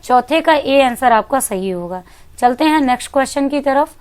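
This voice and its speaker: Woman teacher, high voice, exam-prep lesson, quizzes herself aloud, repeats each answer, mixes in English. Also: expressive, normal speed, darkish tone, clear, resonant tone. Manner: asks questions and answers them herself, repeats key points; mixes English words into Hindi.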